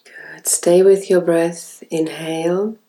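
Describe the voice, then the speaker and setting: Slow, low-voiced woman guiding relaxation. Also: little pitch movement, poor audio. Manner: slow, soft, sensual, soothing delivery with breathy whispered words. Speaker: guided relaxation host. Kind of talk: intimate guided relaxation, ASMR.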